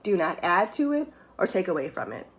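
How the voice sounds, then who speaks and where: A woman's voice: big pitch swings, brisk. Earnest woman giving a faith talk. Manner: earnest and emotional, voice breaking at times; acts out her own inner dialogue in higher voices. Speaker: life coach. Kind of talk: faith-based motivational talk at a live event.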